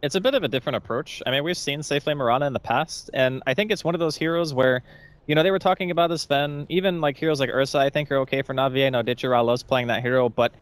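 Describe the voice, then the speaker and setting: A man giving color commentary on an esports match, explaining strategy in a rapid, conversational way. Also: medium pitch. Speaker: esports analyst.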